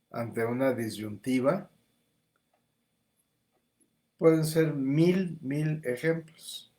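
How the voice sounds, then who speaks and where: A man giving a livestreamed spiritual teaching, speaking slowly and deliberately, often repeating words as he explains. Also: medium pitch, darkish tone. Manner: slow, deliberate, with frequent repetitions.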